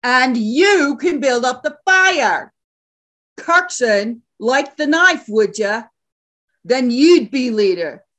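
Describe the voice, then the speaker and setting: Bullying convict boss guy, slow, barking orders, a bit high , woman acting it. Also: animated, fairly bright tone, exaggerated voice. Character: brutal male convict tribe leader.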